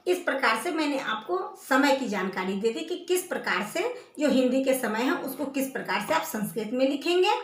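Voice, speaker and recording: A woman teacher explaining a recorded lesson to children slowly, repeating each term. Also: fairly high pitch, fairly bright tone, roomy sound. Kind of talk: recorded online class lesson.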